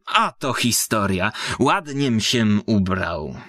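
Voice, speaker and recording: A man's voice: fairly low pitch, sing-song, takes it slowly, sharp tone, no echo, clean studio sound, heavily acted. A man voicing a nervous, agitated commissioner in a storybook reading. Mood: shaken.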